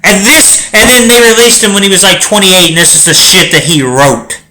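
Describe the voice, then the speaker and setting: A man's voice: high-pitched, expressive, brisk, bright, forceful tone. Swearing, exasperated young man reading aloud. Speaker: reader. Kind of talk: comedic profane reading commentary.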